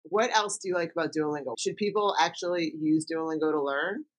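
A woman's voice: low-pitched, a little fast, poor audio. A middle-aged woman co-hosting a casual family chat, laughing often. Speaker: podcast co-host.

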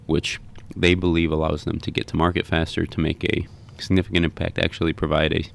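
A man hosting a podcast interview, talking in a halting way and often repeating words. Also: very deep voice, level tone, gravelly. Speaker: podcast host.

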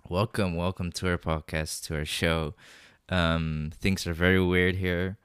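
Deep-voiced young man hosting a podcast. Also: flat delivery, fairly bright tone, smooth, dry recording, clean studio sound. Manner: halting, filler-heavy, laughs easily. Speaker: podcast host. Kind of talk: casual podcast chat.

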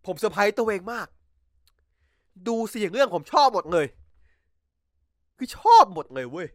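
A man hosting a casual podcast from home over a voice chat call, recapping episodes in an excitable, slangy way and swearing freely. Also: high voice, normal speed, dry recording, clean studio sound. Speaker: podcast host. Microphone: computer mic over voice chat.

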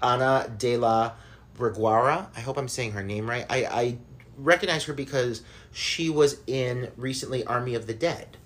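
A man's voice: medium pitch, moderate pace. Enthusiastic rambling podcast guest man. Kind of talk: casual pop culture chat.

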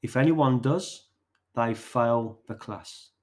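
A man voicing a stern, militant male biology teacher who gives slow, loud, clipped commands. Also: medium pitch, lightly acted.

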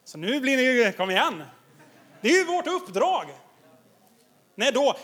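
A man's voice: very high voice, big pitch swings, fairly bright tone. A man preaching a sermon as pastor, enthusiastic and exhorting, laughing often as he tells stories.

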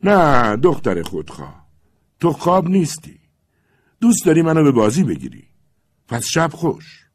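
Storybook role: passionate young Cossack suitor, loud and coaxing, read by a male narrator. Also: deep voice, very animated, slightly rough, no echo, exaggerated voice. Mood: ardent. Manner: loud, eager pleading. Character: young Cossack man, ardent and teasing.

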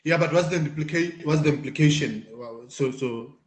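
A man's voice: a little high, normal speed. A man in a casual debate, pushing back with repeated questions and stammering restarts. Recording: roomy echo.

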